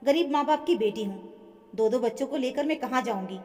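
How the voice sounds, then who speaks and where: A woman's voice: a little high, fairly quick, a little mellow, long reverb tail, soft background music, close to an everyday voice. A woman voicing a timid, tearful young wife who speaks meekly. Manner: meek, tearful.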